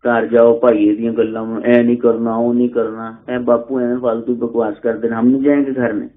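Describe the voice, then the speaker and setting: A man's voice: mid-range voice, flat delivery, moderate pace, natural voice. A man voicing the stubborn, fierce god Shani in a religious storytelling discourse, defiant and blustering, on a tinny lo-fi recording.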